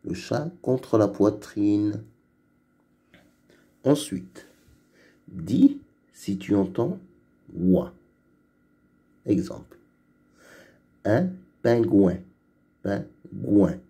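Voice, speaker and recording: A man leads a phonics lesson for young children, saying each word slowly and twice over. His voice is low, dark and gravelly, and he speaks at a very unhurried pace. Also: sing-song. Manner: repeats each word slowly and clearly, patient. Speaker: reading teacher.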